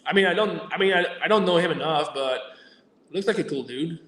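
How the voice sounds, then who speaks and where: A man being interviewed as an athlete guest, talking haltingly with many fillers, restarts and uneven grammar. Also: a little high, fairly bright tone. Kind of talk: remote interview chat. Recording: echoey room, far from mic.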